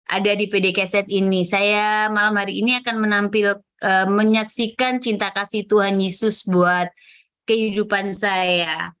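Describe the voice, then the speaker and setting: A woman's voice: mid-range voice, a bit bright. A woman gives a personal church testimony at a prayer fellowship. She tells it in a chatty way, with fillers and acted quotes of herself. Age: 40s.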